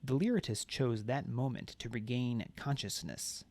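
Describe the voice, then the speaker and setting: A man reads his fantasy novel aloud in an even, measured way. His voice is gravelly at a middle pitch, and the dry recording puts him close to the mic. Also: no room sound. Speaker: author reading his novel. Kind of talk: audiobook narration.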